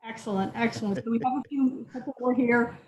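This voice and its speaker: Lady presenting a scholarship program, mellow voice, muffled lo-fi sound, little hiss. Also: a little high, fast. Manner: warm-up speaking with fillers and repeats. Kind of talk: presentation to an audience. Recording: dull lo-fi sound with faint noise.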